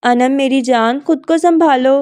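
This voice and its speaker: A woman reading a novel aloud, voicing a soft-spoken, worried middle-aged mother. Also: high-pitched, a little slow. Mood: soothing. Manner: soft, soothing.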